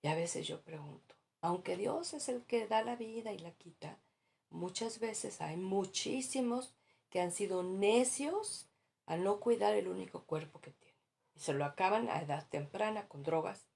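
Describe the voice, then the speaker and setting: Husky gravelly woman pastor preaching. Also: on the low side, a little mellow. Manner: earnest, exhorting, often drops to a near-whisper. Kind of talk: sermon.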